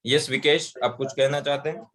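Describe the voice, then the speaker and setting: A man's voice: fairly high pitch, fairly even intonation, moderate pace, crowd noise. Male English teacher, patient explainer who drills examples aloud. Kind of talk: online class lesson.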